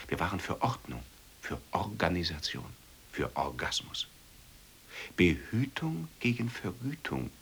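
A man's voice: deep voice, slight background noise, exaggerated voice. A man playing a sneering showman. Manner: sneering and showy, swings between loud and whispered. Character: mocking, theatrical man lecturing on love. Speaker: actor. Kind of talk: stage or radio play acting.

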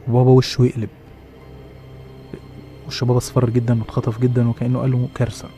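A man with an Egyptian accent narrating a horror story in a hushed way, restarting his phrases. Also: mid-range voice, monotone, quick pace, soft background music. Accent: Egyptian Arabic.

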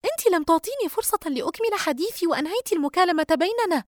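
A woman voicing an anxious young female friend in an audiobook, speaking in a high, breathless, worried way. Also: animated, rapid-fire, dry recording, clean studio sound.

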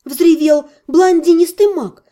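A woman giving an expressive, animated first-person audiobook reading. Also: very high-pitched, slow. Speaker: audiobook narrator.

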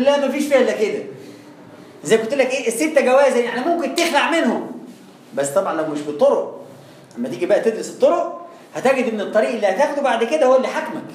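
A man with an Egyptian accent teaching Quran recitation rules in a lively, informal way, acting out little exchanges with students. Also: very high voice, roomy sound, slight background noise. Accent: Egyptian Arabic. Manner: lively, acts out back-and-forth dialogues, teasing. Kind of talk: informal tajweed lesson.

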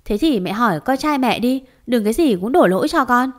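A woman's voice: a little high, lively intonation, fairly quick. A woman reading an audio story, voicing a proud young wife who answers back with indignation. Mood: defiant. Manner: defiant and indignant.

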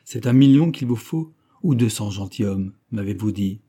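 A man's voice: lowish voice, animated, moderate pace, dark tone, slightly rough. A man voicing a bitter, powerless young king of 22, declaiming with rising indignation. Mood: resolute.

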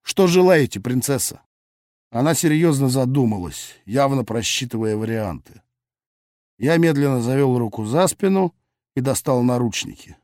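A man reading a first-person audiobook with lively, wry storytelling. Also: mid-range voice, moderate pace, dry recording, clean studio sound. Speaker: audiobook narrator.

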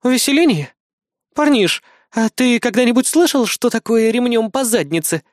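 In a clean studio recording with no room sound, a reader voices a tough young female agent for an audiobook. Her natural mid-range voice is pitched above her own, animated and brisk. The agent comes across as curt, commanding, stern, and sarcastic, with a mocking edge.

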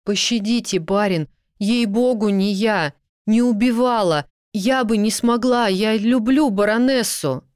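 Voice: mid-range voice, fairly even intonation, unhurried, dry recording, studio quality, close to an everyday voice. A reader voicing a frightened young serving girl who pleads and sobs as she talks. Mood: pleading. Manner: pleading, sobbing, breathless.

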